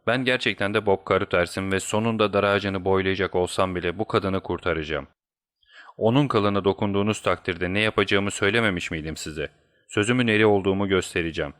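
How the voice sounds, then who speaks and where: A man's voice: deep voice, fast, a bit bright, no room sound, clean studio sound. A man voicing a passionate, desperate young man who speaks urgently and heatedly. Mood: defiant.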